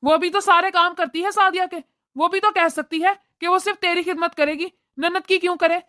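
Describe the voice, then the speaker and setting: This is a scolding cartoon father, voiced by a woman. He lectures his wife and daughter in a very high, bright voice. The sound is dry and close to the mic. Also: fairly even intonation, a little fast, dry recording. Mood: lecturing. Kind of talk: cartoon voice acting.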